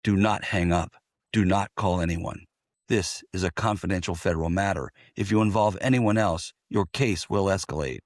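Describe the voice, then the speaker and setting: Man doing a deep-voiced scam caller, fake tax agent, stern, threatening, dry close sound. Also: moderate pace, no echo.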